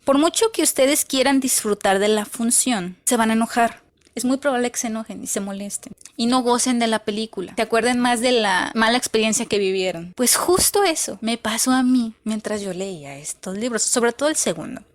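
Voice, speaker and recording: A woman's voice: on the high side, fairly quick. Blunt woman reviewing books. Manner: blunt, opinionated and emphatic, with repeated insistence. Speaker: book reviewer. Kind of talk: casual book review monologue.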